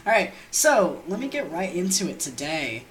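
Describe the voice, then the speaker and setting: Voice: medium pitch, sing-song, normal speed, faint music behind. A young adult game streamer and storyteller with a sniffly cold, rambling casually in a scatterbrained, self-deprecating and informal way. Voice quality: congested.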